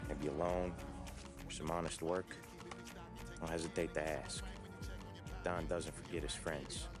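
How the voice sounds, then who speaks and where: Deep-voiced mob henchman. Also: flat delivery, over music. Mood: calm. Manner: measured, businesslike delivery. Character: calm, guarded mob henchman, adult man. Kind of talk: video game dialogue.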